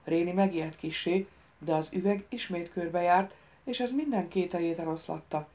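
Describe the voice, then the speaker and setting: A woman's voice: lowish voice, muffled recording. A woman reading an audiobook, raising her voice for the characters' lines. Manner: reads dialogue lines louder and livelier than narration. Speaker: audiobook narrator. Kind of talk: audiobook narration.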